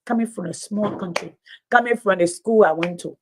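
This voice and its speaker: Speaking at a normal pace in a mid-range voice, a woman with a Liberian accent, formerly a radio host and now a teacher, gives an emphatic, passionate public talk full of repeated words for stress. A little hiss or hum is audible.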